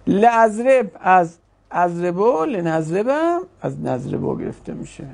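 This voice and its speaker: A male teacher giving a classroom grammar lesson, quizzing students with quick questions and correcting them firmly. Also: sits high, sing-song, gravelly, a little mellow. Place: classroom with a board.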